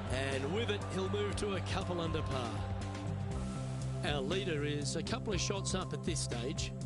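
A man plays a composed golf broadcaster whose voice sits a touch high for a man, calling each shot and describing each hole in a calm, measured video game commentary. Game music plays clearly behind him. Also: close to an everyday voice.

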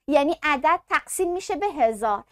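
A science teacher delivers a classroom lecture in a fairly high, animated voice, posing questions and answering them herself while calling her students fond names. She addresses them affectionately. The recording is close and dry, without echo or room sound.

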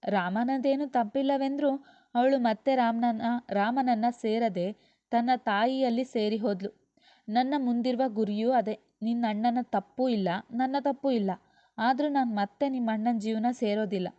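A woman voicing a gentle, dignified young wife who speaks softly and calmly, in a dull lo-fi recording. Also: a little high, moderate pace, dry recording, natural voice.

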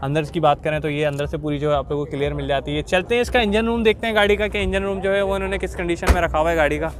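At an outdoor car market, a young Pakistani reviewer in his 20s hosts a vlog walkthrough with short interviews, explaining in a repetitive patter. He speaks very fast in a fairly high voice. Audio comes from a phone at arm's length, with busy market chatter around him.

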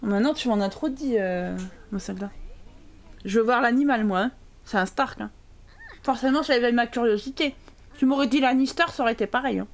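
A high-pitched woman commentates her game live and answers her chat as she plays. She talks in a chatty, teasing way with a sarcastic edge. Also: brisk. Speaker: streamer.

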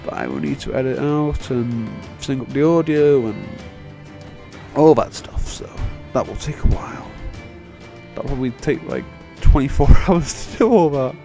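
Wandering from thought to thought, a young man offers casual, self-deprecating gameplay commentary in an expressive, mid-range voice at normal speed. His tone is mellow with vocal fry, worn out from hours of talking, and game end-credits music plays faintly under his microphone voice-over.

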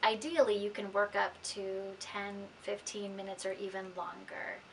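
A middle-aged woman giving gentle spoken instruction in a measured way, her phrases trailing off softer. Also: mid-range voice, low-quality recording. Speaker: prayer practice teacher. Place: small indoor room, seated. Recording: faint steady room noise.

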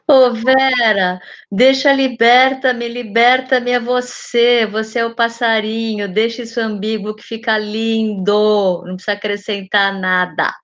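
A woman with a slightly high voice, warmly insistent in casual conversation at an online book club. Her voice comes through dull, lo-fi video call audio. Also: fairly even intonation, measured pace. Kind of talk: casual online group chat. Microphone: computer mic on a video call.

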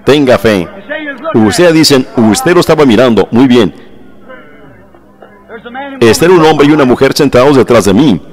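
A man voicing a translated sermon, fervent, exclaiming praise and speaking straight to his listeners, slowing down for emphatic phrases. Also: mid-range voice, lively intonation, faint music behind. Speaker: preacher.

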